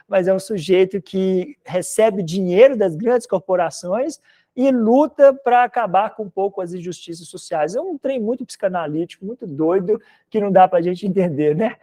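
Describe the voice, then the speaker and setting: In a recorded online class, a man from Minas Gerais, Brazil, teaches philosophy in mineiro-accented Portuguese. His voice is high and warm, and he lectures loosely and conversationally, rambling a bit and leaning constantly on the tag question "né?".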